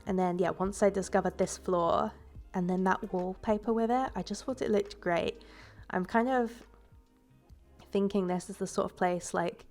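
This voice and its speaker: A woman with a medium-pitched, steady and slightly mellow voice talks at normal speed over faint music. A game builder and YouTuber, she sounds stuffy from a cold as she rambles through a relaxed voice-over on her build, using fillers and correcting herself.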